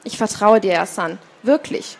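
A woman voicing a frantic, shrill woman at a live reading of a novel, her lines louder than the narration. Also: animated, normal speed, creaky, a little hiss or hum. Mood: pleading. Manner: panicked, pleading, then screaming. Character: frantic dark-haired woman, shrill and commanding. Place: book fair stand, indoors.

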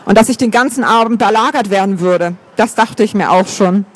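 Guy reading a laid-back reassuring older man, wry, audiobook, high voice. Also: fairly quick. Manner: soothing, wry.

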